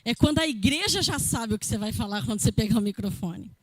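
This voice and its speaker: A woman teaching a church worship workshop, lively and often checking in with the audience. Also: a little high, fast talker, no room sound. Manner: lively, addresses the audience with frequent "amém?". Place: church event hall.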